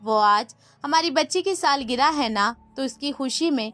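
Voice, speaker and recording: A woman voicing a remorseful older mother who speaks gently and pleads, read out in a storybook. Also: high-pitched, expressive. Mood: polite.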